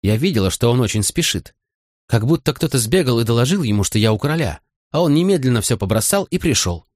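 A man's voice: mid-range voice, very animated, fast, darkish tone, dry recording, clean studio sound. A man reading an audiobook, voicing a young queen who speaks urgently and confidingly. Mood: worried. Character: young grieving queen, earnest and direct. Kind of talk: audiobook character voice.

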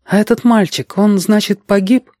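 A man reading a story aloud and voicing a quiet, uneasy young schoolgirl who speaks in soft, hesitant questions. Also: high voice, steady tone, normal speed, no echo, studio quality, voice pushed up, natural voice. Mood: uneasy, wondering.

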